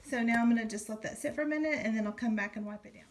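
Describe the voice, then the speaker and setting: With a fairly high voice and rapid-fire pace, a young cleaning vlogger talks casually through a demo of cleaning her home kitchen, filling it with ums. Music runs beneath her voice.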